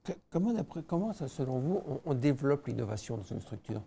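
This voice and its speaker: A man's voice: medium pitch, sing-song, brisk, vocal fry, warm tone, a little hiss or hum. A man on an interview panel, introducing himself and asking the candidate questions. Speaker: school events manager, interviewer.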